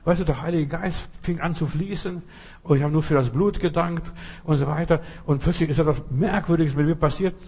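Brisk and on the high side, this man's darkish, breathy voice carries a sermon. He talks straight to the listener, frequently asking "you understand?", with emphatic rises that come out of nowhere.

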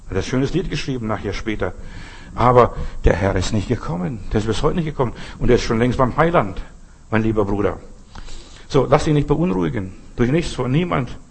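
A man's voice: medium pitch, expressive, a little fast, vocal fry, husky. An older man, a pastor, preaching an earnest sermon and telling stories with acted-out quotes.

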